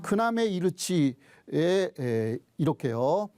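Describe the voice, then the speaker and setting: A man's voice: a little high, very animated, takes it slowly, background noise. A man, a professor and native Japanese speaker, lecturing on history with a Japanese accent in a didactic way, posing questions and then answering them.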